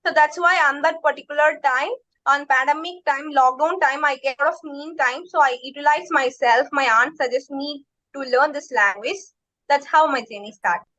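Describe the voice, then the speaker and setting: A young woman, a Tamil native speaker with a Tamil accent, is an English learner and YouTuber answering questions in a conversational interview. She replies politely and hesitantly, often saying ma'am. Her voice sits high with a sharp tone at a moderate pace, and the audio is dull.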